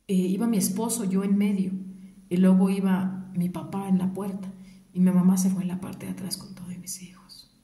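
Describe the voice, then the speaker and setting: A woman telling a grieving personal story to her listeners, mostly in a hushed whisper. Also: lowish voice, reverberant. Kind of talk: personal story told to an audience.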